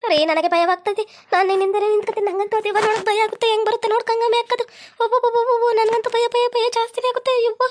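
A timid village woman in a cartoon with a very high, nervous voice, speaking quick rustic speech. A performer puts her on. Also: little pitch movement. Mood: scared.

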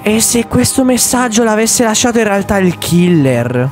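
Excitable gaming YouTuber man. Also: normal speed. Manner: excitable, jokey, swings between loud alarm and low mock-dramatic asides. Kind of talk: casual Minecraft horror let's-play. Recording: music playing behind.

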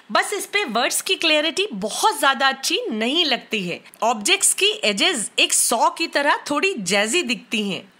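A woman with an Indian accent talks through a product review in a high, bright voice. She explains in a clear, matter-of-fact way. Her tone stays even and steady as she narrates. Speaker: tech reviewer. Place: bedroom at home.

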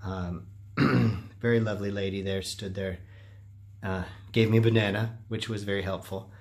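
A man's voice: lowish voice, steady tone, moderate pace. A middle-aged man recording a casual personal vlog on a handheld phone, rambling and self-deprecating as he talks. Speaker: running vlogger. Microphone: phone at arm's length.

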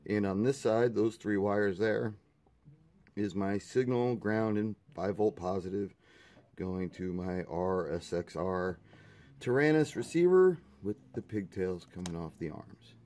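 A man talking casually through a drone build, relaxed and plain-spoken with the odd "uh". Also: fairly low pitch, measured pace. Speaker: drone hobby video host.

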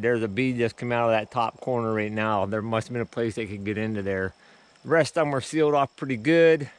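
A middle-aged vlogger and beekeeper films a casual walk-and-talk outdoors at a rural building site with a head-mounted action camera. His medium-pitched, fairly bright voice rambles along easily, with many restarts.

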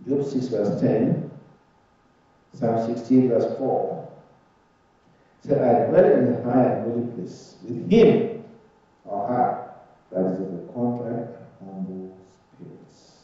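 Middle-aged male pastor, dark mellow voice, surging then hushed preaching, distant echoey church recording. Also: medium pitch, takes it slowly, long pauses. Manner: preaching with swells of volume and soft drops. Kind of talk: sermon. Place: church sanctuary, indoors. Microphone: far camera. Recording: echoey church room from far off, dull sound.

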